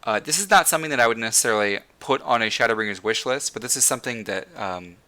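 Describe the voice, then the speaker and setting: A man's voice: mid-range voice, lively intonation, quick pace, bright, forceful tone. A man hosting a casual gaming discussion, rambling with many fillers and restarts, saying he is losing his voice. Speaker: podcast host.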